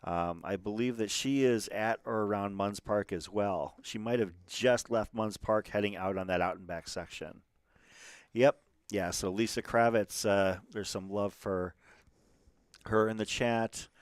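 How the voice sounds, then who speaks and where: A man's voice: fairly low pitch, measured pace, clear, resonant tone, dry recording. A man doing casual live commentary on a race stream, chatty and rambling, with lots of fillers and restarts.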